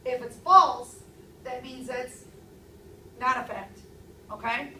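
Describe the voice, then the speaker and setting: Recorded by a far-off camera in a reverberant classroom, a thirties-aged woman leads a language class slowly, her fairly high voice landing hard on important words. Constant room hum runs in the background, and she sits well away from the mic.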